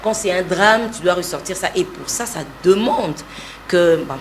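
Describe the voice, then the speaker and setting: A woman speaks in a fairly low register for her sex, steady and sure of herself. She explains voice-over work as a guest in an interview. A faint ambient hiss sits under her voice. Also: moderate pace. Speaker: voice-over artist and trainer. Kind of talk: interview conversation.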